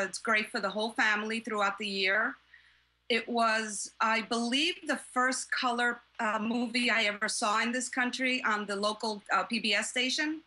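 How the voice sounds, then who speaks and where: A woman's voice: on the high side, bright, forceful tone. A woman born in Cuba and raised in New York, a classic film fan, answering interview questions over a video call with frequent hesitations. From born in Cuba, grew up in New York. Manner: hesitant with many fillers, enthusiastic.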